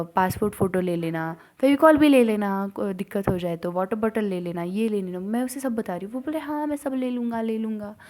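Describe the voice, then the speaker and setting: A young woman from India, a student vlogger chatting casually to camera and telling a story with animated rushes and soft near-whispered asides. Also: medium pitch. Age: young adult. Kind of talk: casual chat.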